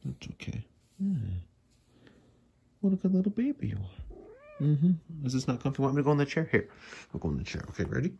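Gravelly doting man whispering to his cat. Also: mid-range voice, sing-song, fairly quick, long pauses, highs cut off. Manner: soft doting pet talk, drifting into whispers. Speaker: cat owner filming his pet. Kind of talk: casual baby-talk to a cat. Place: carpeted house basement, indoors. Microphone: handheld phone camera.

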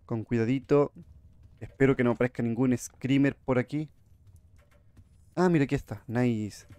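A man's voice: medium pitch, fairly even intonation, moderate pace, warm tone, smooth, no room sound. A man giving jumpy, chatty horror game commentary, talking to his viewers. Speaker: gamer streamer.

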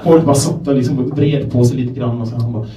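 This young comedian from Gävle in Sweden has a mid-range voice and a dry, deadpan delivery. His stand-up set is made up of self-deprecating stories in which he plays the people involved. He's recorded from afar in an echoey comedy club room.

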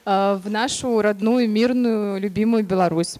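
A woman's voice: mid-range voice, moderate pace, a little mellow. A woman from Belarus, a spaceflight participant, answering press questions in a proud, emphatic way.

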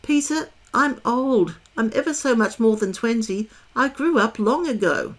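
A woman voicing a gentle grown mother, soft, apologetic and wistful. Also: a little high, animated, measured pace.

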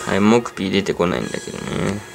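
Deep-voiced and quick, this man's pitch swings widely as he plays a game and chats to himself in a loose, rambling way. Clear background music runs underneath his voice.

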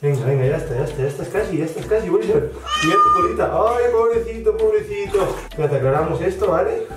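A man's voice: high voice, animated, fast talker, recorded from a distance. A young man, talking casually in a home vlog while soothing and coaxing a pet. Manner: coaxing, soothing talk to a pet, with sudden pleading outbursts. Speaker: vlogger. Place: home bathroom. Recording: roomy echo, away from the mic, music behind.

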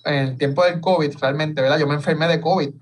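A middle-aged man from Puerto Rico talks earnestly as an interview guest, often restarting his sentences. His voice sits a touch high, and he is heard from a distance over a home video call. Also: fairly even intonation, quick pace. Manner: earnest, explains with many restarts and fillers. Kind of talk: interview conversation.

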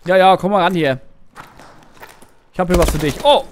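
A man giving casual gameplay commentary as a let's play gamer, excitable and swearing at the game. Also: high voice. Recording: noisy game sound behind. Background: game gunfire and noise.

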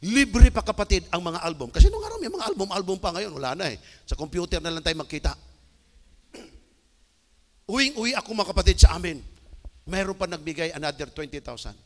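A man from the Philippines preaching a sermon as an evangelist, telling stories with sudden shouted bursts. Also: high-pitched, fairly quick. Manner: animated storytelling with bursts of shouting. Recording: long hall reverb.

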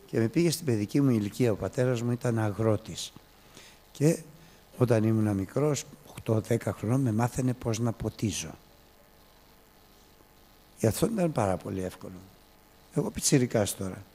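A man preaching a sermon, telling a story with swings from soft to loud. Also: lowish voice, lively intonation, pauses often.

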